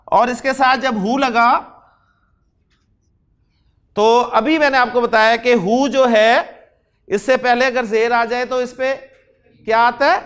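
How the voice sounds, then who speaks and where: Guy teaching arabic grammar class, smooth voice, asks a question then answers it himself, slows way down on the arabic words. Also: very high voice, a bit bright. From Pakistan. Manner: explains step by step, asks and answers his own questions. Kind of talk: classroom lecture.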